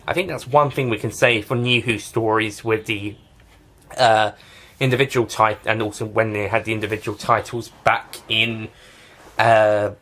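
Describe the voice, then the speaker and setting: A man's voice: on the low side, little pitch movement, moderate pace, fairly bright tone. A man giving a casual spoken review of a TV series, rambling and often restarting and correcting himself.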